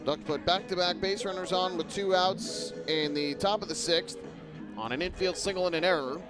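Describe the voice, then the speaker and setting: Male baseball play-by-play announcer, slightly high voice. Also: normal speed, music in the background, low-quality recording. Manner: descriptive, clipped play-by-play phrasing. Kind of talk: live sports commentary.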